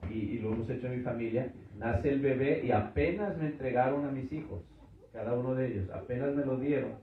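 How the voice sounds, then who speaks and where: A middle-aged man teaching a church seminar, patiently repeating words and checking in with his listeners. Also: mid-range voice. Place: church hall with audience. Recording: echoey hall from far off, dull.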